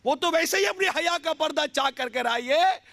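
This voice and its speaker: A man's voice: extremely high pitch, moderate pace, creaky, sharp tone, no room sound. A male preacher giving an impassioned sermon, full of rhetorical questions.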